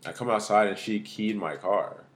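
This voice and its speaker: A man's voice: on the low side, moderate pace. A man podcast co-host telling stories in casual, slangy frat-bro banter, swearing freely and acting out exchanges.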